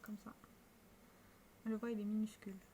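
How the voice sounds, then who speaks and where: A woman's voice: medium pitch, level tone, moderate pace, dark tone, slight background noise. A French-speaking woman talking casually to camera about her makeup, chatty and showing each product with small restarts. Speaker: beauty vlogger.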